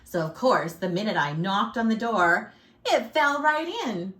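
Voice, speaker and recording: A woman with a medium-pitched, fairly bright voice reads a little slowly and very animatedly, voicing a male wolf in a storybook tale. The echoey recording captures the wolf's chatty self-pity, his sly, aggrieved mood, and his folksy, theatrical telling of his own side, sneezes included.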